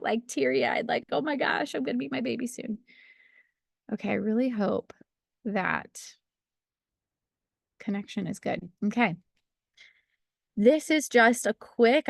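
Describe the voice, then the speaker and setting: A young woman leads a casual birth-preparation workshop over a video call from outdoors, speaking in an earnest, encouraging way full of fillers and asides. Her voice sits at an ordinary pitch for a woman. The sound is dry, with little room echo. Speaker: birth educator.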